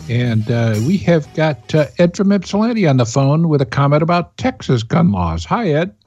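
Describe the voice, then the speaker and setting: A man's voice: a little high, big pitch swings, normal speed, darkish tone, muffled recording, faint music behind. A man hosting a talk radio show, rambling opinions and chatting with callers, full of fillers and restarts. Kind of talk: talk radio commentary and call-in chat.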